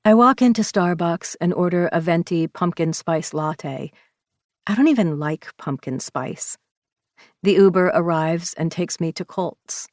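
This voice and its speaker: A woman's voice: low-pitched, no echo, clean studio sound. A woman narrating an audiobook in first person, with a confessional, emotional delivery.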